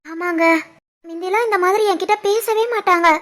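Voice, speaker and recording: A woman voicing a tender, emotional young pregnant village wife in an animated family drama, with a Tirunelveli Tamil accent and a soft, tearful way of talking. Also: extremely high pitch, moderate pace.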